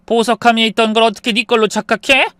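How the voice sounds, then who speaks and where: A man putting on a shrill outraged old mother-in-law. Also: steady tone, fast, sharp tone, clean tone, dry recording. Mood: bitter. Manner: shrill protesting outbursts. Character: indignant older mother-in-law, sharp and wounded.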